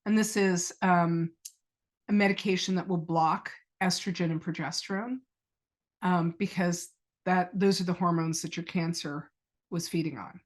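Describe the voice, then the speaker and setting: A woman's voice: on the low side, fairly even intonation, a little slow. A middle-aged woman, a podcast guest, earnestly telling a personal story and retelling past conversations as quoted dialogue.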